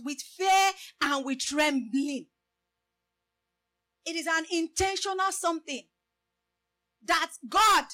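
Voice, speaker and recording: A woman's voice: sits high, sharp tone. A woman preaching a sermon in English, which is not her first language. She keeps saying "praise the Lord" and asks her listeners rhetorical questions. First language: a language other than English.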